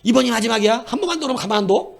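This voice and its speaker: A man's voice: high-pitched, huge pitch swings, fast talker, a bit bright, full character voice. A man doing a scolding angry parent. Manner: stern, threatening scolding.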